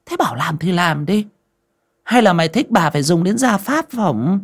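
Guy putting on a high coaxing voice for a sly bossy lady of the house, husky edge, audio story. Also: animated, normal speed.

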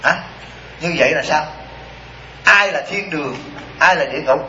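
Animated monk preaching, roomy hall. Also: male voice, a little high, moderate pace, slight background noise. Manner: animated, acts out voices in stories, rhetorical questions. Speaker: monk giving a dharma talk. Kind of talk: sermon with storytelling. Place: retreat hall. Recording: dull roomy hall recording.

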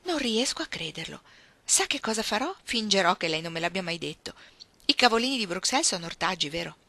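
A woman reading aloud and voicing an elderly, chatty, gentle old woman who talks fondly about food and her dreams. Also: mid-range voice, very animated, brisk, no room sound. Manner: chatty, fond storytelling.

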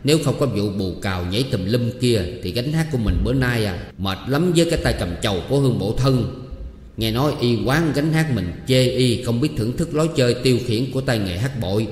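Man playing a level-headed troupe advisor, measured and persuasive, hall reverb. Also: medium pitch, expressive, darkish tone, natural voice. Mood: reasoning. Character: calm, shrewd male troupe advisor.

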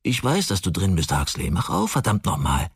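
A man in a radio drama voicing a rowdy drunk man who shouts through a door with slurred speech. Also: sits low, sing-song, normal speed, husky, dry recording, clean studio sound, full character voice. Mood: drunken shouting.

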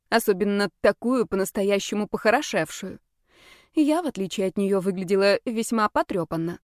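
A woman reading a first-person novel aloud at a steady, measured pace. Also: medium pitch, dry recording, studio quality. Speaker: audiobook narrator.

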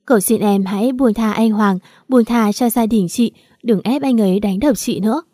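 A woman's voice: a little high, normal speed, dark tone, dry recording, studio quality, natural voice. A woman reading a storybook plays a deceitful, manipulative mother who pleads in a sobbing, melodramatic way.

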